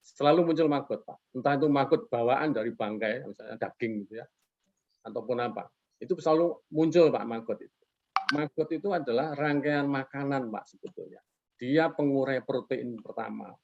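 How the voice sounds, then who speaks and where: A creaky, mid-range male voice at a moderate pace belongs to a guest expert on a webinar. He explains casually and folksily, answering his own rhetorical questions and politely addressing the host after nearly every phrase, heard through lo-fi video-call audio.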